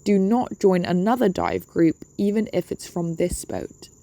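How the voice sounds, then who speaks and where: A woman's voice: medium pitch, measured pace, mellow, no echo. A woman narrating an instructional dive safety briefing, giving polite but firm step-by-step directions.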